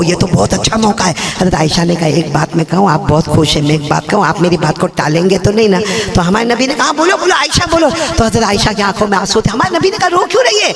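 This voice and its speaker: Male preacher, high and gravelly, storytelling sermon with crowd call-and-response, live audience audible. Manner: calls on crowd to repeat and respond; joking asides to the audience. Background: audience gathering.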